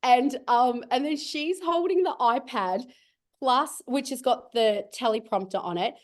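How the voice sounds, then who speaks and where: Speaking a little slowly in a high, darkish voice, a middle-aged cosmetics founder laughs frequently as she wanders through a long story. It's a relaxed interview conducted over video call.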